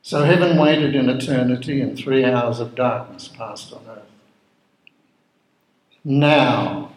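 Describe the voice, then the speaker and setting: A man narrating a dramatic story in a measured, solemn way. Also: medium pitch, a little mellow. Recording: roomy echo.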